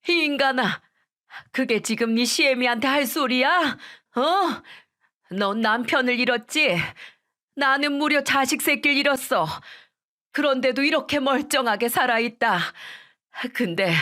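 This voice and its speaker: A stern, grieving mother-in-law , put on by a woman narrator scolds and pleads with a raised, high, pressing voice in a storybook radio drama. Her shouts climb sharply.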